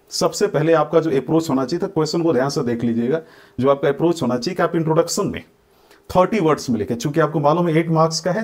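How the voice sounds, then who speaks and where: Man teaching while dictating slowly. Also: on the high side, a little mellow. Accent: Indian English. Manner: switches between Hindi and English, dictates answer lines slowly word by word; addresses students directly, checks they follow. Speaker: exam coaching teacher. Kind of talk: exam-prep lecture.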